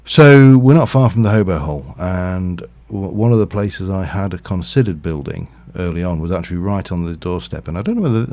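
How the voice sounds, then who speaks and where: A man's voice: deep voice, a little mellow. A man casually commentating his Minecraft livestream, rambling and thinking aloud with lots of fillers. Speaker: streamer.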